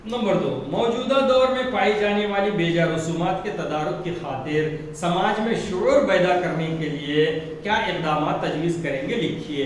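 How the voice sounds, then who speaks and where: A man with a high voice and an Urdu-speaking Indian accent explains a textbook lesson slowly, patiently repeating words and spelling out letters. He's recorded from a distance in a very echoey room with faint background noise.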